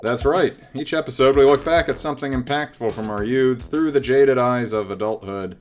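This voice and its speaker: A man's voice: mid-range voice, normal speed, soft background music. A man in his late thirties co-hosting a podcast, chatting casually with dry, sarcastic teasing. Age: late 30s. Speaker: podcast co-host. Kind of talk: casual chat.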